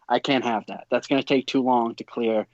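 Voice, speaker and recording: A man telling an animated umpiring story in casual talk, laughing as he goes. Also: medium pitch, moderate pace, dull audio. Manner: animated, laughs through his own story.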